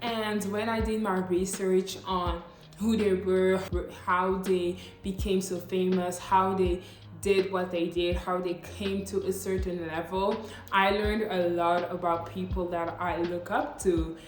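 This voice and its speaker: A late-teen woman vlogs in a casual, scripted style, chatting upbeat with slangy asides in English, which isn't her first language. Her voice is on the low side, fairly flat in pitch and unhurried. She's in an echoey room with faint music playing.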